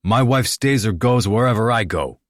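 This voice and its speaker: A man voicing a hot-headed, possessive young husband in an audiobook, shouting angrily. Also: lowish voice, animated, normal speed, no echo, studio quality, voice pushed up, lightly acted. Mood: angry. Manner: shouting, angry.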